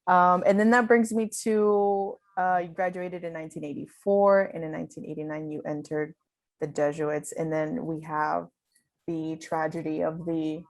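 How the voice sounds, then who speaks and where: A woman leads an informal oral history interview, feeling her way through tentative, wandering questions. Her low-pitched voice is flat and moves at a normal speed.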